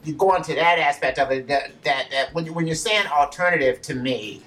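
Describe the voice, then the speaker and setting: A man's voice: fairly high pitch, brisk, fairly bright tone, recorded from a distance, rough recording. A man in a casual talk, rambling with many restarts and fillers as he works out his thoughts. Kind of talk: casual chat.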